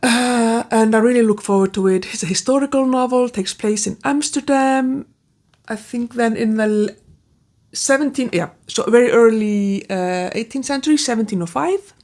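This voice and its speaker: A woman's voice: on the high side, moderate pace, a little mellow. A woman, chatting casually about her books with frequent restarts and trailing asides. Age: 40s. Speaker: book vlogger. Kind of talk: casual book-tag chat.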